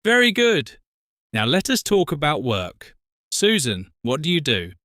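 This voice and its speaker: A British man in his forties co-hosting an English lesson podcast, speaking slowly and clearly for learners. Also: a little high, huge pitch swings, bright, forceful tone, dry recording, clean studio sound. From Britain. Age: 40s. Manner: slow, careful, spells out words. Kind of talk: slow scripted teaching talk.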